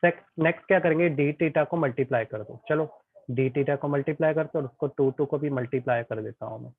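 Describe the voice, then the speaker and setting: A man's voice: mid-range voice, fast, breathy edge, no echo. A male tutor teaching an online physics class, chatty and often checking that students follow. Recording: tinny phone-like online class audio.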